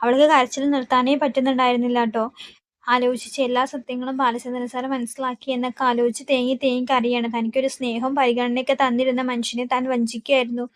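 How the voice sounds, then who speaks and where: A woman's voice: high voice, flat delivery, fast, no echo. A woman chattily retelling the events of a TV serial episode in a casual, conversational way. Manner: chatty, adds a friendly tag word at line ends. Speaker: serial recap narrator. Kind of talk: casual spoken story recap.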